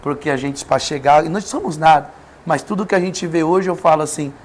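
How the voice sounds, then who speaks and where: Fast-talking Brazilian preacher man. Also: fairly high pitch. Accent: Brazilian Portuguese. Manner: earnest storytelling, emphatic with rising intensity. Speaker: preacher, podcast guest. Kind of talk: emotional personal testimony.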